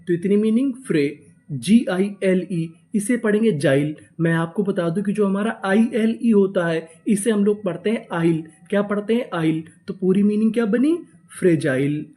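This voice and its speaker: Mellow-voiced teacher drilling spellings. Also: medium pitch. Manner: spells words out letter by letter, then drills them with repeated questions; slow and deliberate on sounded-out words. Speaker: English reading teacher. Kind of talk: classroom phonics lesson.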